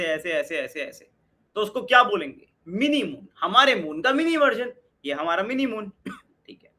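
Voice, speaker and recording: A man's voice: high-pitched, sharp tone. A young Indian man teaching an exam-prep lesson in mixed Hindi and English, asking questions and answering them himself. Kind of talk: energetic Hindi-English lecture.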